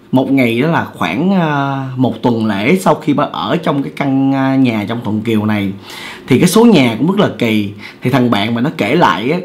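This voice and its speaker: A man, hosting and casually telling a ghost story in a conversational, repetitive way that speaks directly to the listeners. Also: mid-range voice. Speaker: storyteller host.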